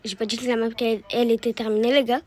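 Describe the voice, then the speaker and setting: A woman's voice: a little high, little pitch movement, very fast, darkish tone, faint music behind, low-quality recording. A woman giving casual gameplay commentary, chatty and repeating words as she guides the viewer. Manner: chatty, repeats words while guiding the player. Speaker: gaming YouTuber.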